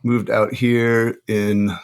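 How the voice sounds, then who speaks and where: A man from Utah, a podcast guest, explaining things in a relaxed way with many filler words. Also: fairly low pitch, very slow, clear, resonant tone. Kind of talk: casual interview chat.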